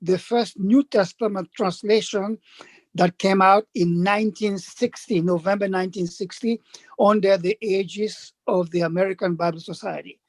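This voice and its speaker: A man, the guest of an interview, recounting his life in a measured storytelling way. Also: high-pitched, steady tone, no echo. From Dominican Republic, raised Haitian. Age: 80s. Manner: measured storytelling, acts out quoted speakers.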